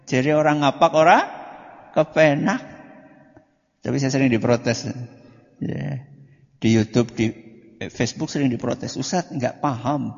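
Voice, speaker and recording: A man giving a religious study lecture as a preacher, joking, asking the audience questions and answering them himself, and moving between loud and soft delivery. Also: mid-range voice, measured pace, vocal fry, pauses often. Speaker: Islamic preacher. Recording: dull lo-fi recording in a reverberant hall.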